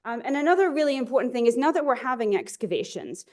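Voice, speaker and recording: A woman's voice: sits high, sing-song, quick pace. A woman lecturer giving an academic talk with enthusiasm, often correcting herself mid-sentence. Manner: enthusiastic, with frequent self-corrections.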